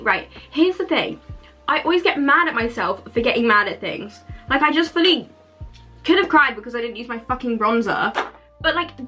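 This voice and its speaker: A seventeen-year-old beauty vlogger chats her way through a get-ready-with-me makeup routine at a mirror in her warm bedroom, rambling, swearing often, and making fun of herself. Over background music and poor audio, her high voice comes across pushed and bright.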